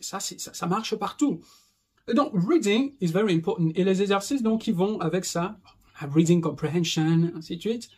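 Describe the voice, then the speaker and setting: Brief: male language teacher, high voice with a husky edge, explanatory, tag questions, mixes in English words. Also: a little mellow. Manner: explanatory, frequent "n'est-ce pas" and "hein"; mixes English terms into French. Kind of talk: video lesson explanation.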